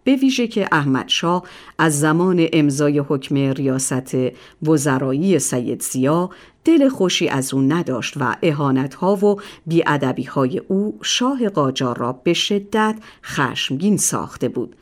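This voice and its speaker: A woman reads a scripted history calendar in a very low register, formal and measured. Her delivery is even and deliberate throughout. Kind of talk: scripted narration.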